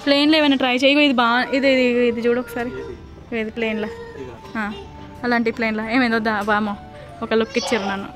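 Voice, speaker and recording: A woman's voice: on the high side, level tone, quick pace. A young mother, chatting to camera and coaxing and fussing over her small son. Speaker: mother vlogging a family outing. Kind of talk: casual family vlog. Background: background music.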